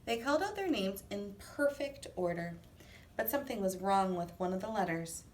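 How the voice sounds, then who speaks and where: A storybook reader, a woman with a mid-range voice, narrates a children's story aloud in an expressive and deliberate way. The mic is distant in an echoey room, with faint noise.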